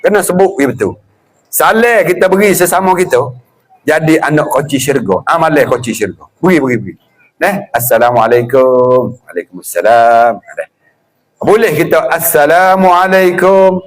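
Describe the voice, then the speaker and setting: A middle-aged man with a Patani Malay accent giving a lively religious lecture, acting out greetings and chuckling often. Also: fairly high pitch, normal speed. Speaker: religious teacher.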